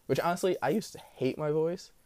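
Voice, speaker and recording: A man with a smooth voice hosting a solo podcast in casual, rambling talk full of slang and swearing. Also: on the high side, brisk, darkish tone, no room sound. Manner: profane, slangy. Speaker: podcast host.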